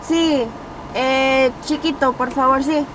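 Woman, Mexican Spanish accent, young adult, high pitch, lively casual vlog, faint background noise. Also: takes it slowly. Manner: lively and chatty, slangy. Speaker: vlogger. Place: in a car at a drive-thru.

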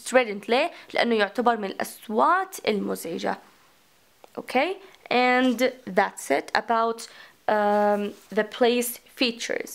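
Woman lecturer, slightly high voice, talks herself through questions. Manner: mixes English terms into Arabic, asks and answers her own questions. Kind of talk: recorded phonetics lecture.

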